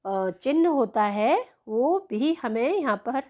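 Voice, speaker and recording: Slow, patient woman teaching kids. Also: high-pitched, sing-song, darkish tone. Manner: slow, patient, addresses children often. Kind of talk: worksheet lesson for young children.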